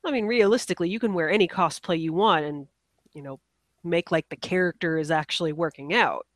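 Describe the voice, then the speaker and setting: A woman from the United States talks a little fast in a lowish voice, her nose blocked by a cold, while co-hosting a laid-back podcast. Self-deprecating and sorry-sounding, she often laughs at herself, captured in dry, close audio free of room echo.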